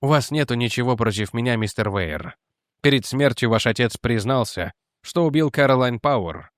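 A man playing a weary, gentle detective in a storybook reading, speaking quietly and in measured tones at a middling pitch. The recording is dry and close. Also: animated, dry recording, lightly acted.

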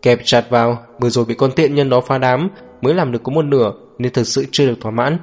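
A man's voice: mid-range voice, fairly even intonation, fast talker, a little mellow, soft background music, close to an everyday voice. A man voicing a possessive, volatile young husband in an audio novel, with a harsh, domineering way of talking. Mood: menacing. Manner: pleading turning harsh and domineering.

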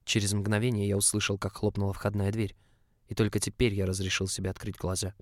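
A man reading a story aloud as scripted narration in an even, measured way, close to the mic. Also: lowish voice, no echo. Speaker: audiobook reader.

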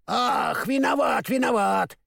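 Man voicing a high, bouncy scarecrow who trips over his words; storybook, dry close sound. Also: takes it slowly, gravelly, a bit bright, no room sound, exaggerated voice. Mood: eager. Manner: stammers, mixes up words then corrects himself. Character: clumsy naive straw scarecrow, male, cheerful. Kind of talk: storybook reading.

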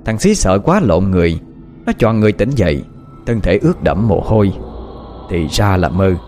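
A man narrating a horror story with expressive, dramatic pacing. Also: sits low, moderate pace. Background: faint music.

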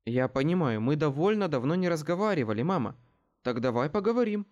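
A hard-edged woman fires back at her family, sharp and indignant, her voice jumping high and lively, as a man reading a storybook puts her on. She sounds blunt and unyielding. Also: a little fast, dull audio, natural voice. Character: tough, blunt woman, the elder daughter.

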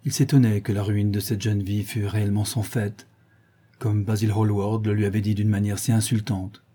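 Man reading an audiobook, really dark mellow voice, bit husky, slow and measured. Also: fairly low pitch, level tone. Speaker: audiobook narrator. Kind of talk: scripted narration.

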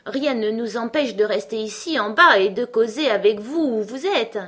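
A woman's voice: fairly high pitch, lively intonation, normal speed, fairly bright tone, voice pushed up. A woman reading the part of a worried but good-humoured male lawyer in an audiobook, coaxing and eager. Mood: cheerful.

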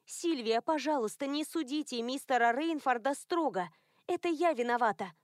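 A woman voicing a gentle, naive young woman in an audiobook, with bright, breathless exclamations. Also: high-pitched, expressive, moderate pace, no echo, clean studio sound, voice pushed up. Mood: pleading.

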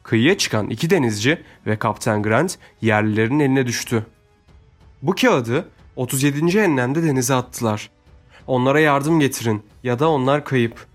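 A man narrating an adventure novel in a steady storytelling manner. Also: medium pitch. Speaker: audiobook narrator. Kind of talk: scripted narration.

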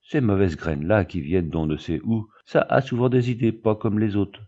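A man's voice: fairly low pitch, moderate pace, dark tone, highs cut off, close to an everyday voice. A man voicing a peasant nurse, a middle-aged woman who exclaims in rustic country speech. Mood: fretful.

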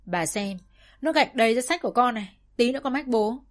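A woman's voice: on the high side, lively intonation, a little fast, voice pushed up, natural voice. A woman voicing a stubborn schoolgirl who protests in a whiny, indignant way in a storybook reading. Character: stubborn sulky schoolgirl, elder sister.

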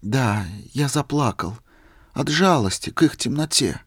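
A man's voice: medium pitch, expressive, unhurried, breathy edge, no echo, clean studio sound. A man voicing a meek holy fool. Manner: quiet, simple, humble telling. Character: meek young holy fool, gentle and shy.

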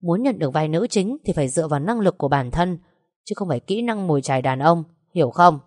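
A domineering older-sister figure, sly and brash, who scolds and gives orders without pause, played by a woman reading the story. Her voice is lower-pitched and sits close and dry in the recording. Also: expressive, a little mellow, no echo. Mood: scolding. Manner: brash, bossy.

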